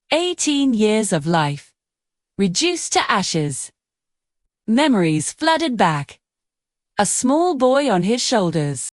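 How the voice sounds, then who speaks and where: A woman narrating a reflective story in a slow, soothing manner. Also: medium pitch, dry recording, studio quality.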